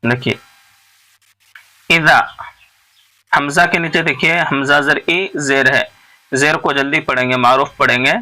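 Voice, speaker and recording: A man teaching Quran recitation rules, explaining each letter patiently and repeating words slowly. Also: on the high side, steady tone, pushed and bright, poor audio. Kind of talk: tajweed lesson, explaining rules between slow recited verses.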